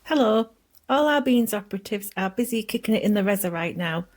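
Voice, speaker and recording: A woman's recorded answer machine greeting, heard over a phone line. She sounds bright and upbeat, and her pitch sits in the ordinary middle range for a woman. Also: animated, fairly quick. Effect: answer machine greeting played over a phone line. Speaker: voicemail greeting.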